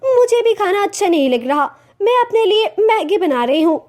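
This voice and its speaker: A woman's voice: extremely high pitch, sing-song, moderate pace, darkish tone, pitched above the performer's own voice. A woman voicing a sulky, complaining young sister-in-law in a cartoon story. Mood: whiny. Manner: whiny, complaining.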